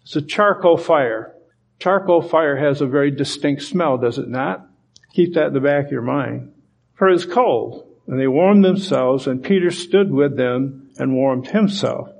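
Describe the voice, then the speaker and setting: A man's voice: medium pitch, a little slow, creaky. A man preaching a sermon, reading scripture aloud and explaining it with emphasis. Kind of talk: sermon Bible teaching.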